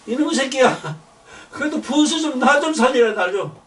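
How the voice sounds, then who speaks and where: Older preacher ranting bluntly. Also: male voice, extremely high pitch, animated, normal speed, fairly bright tone, far from the mic. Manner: blunt, swears and rants, repeats words. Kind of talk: sermon.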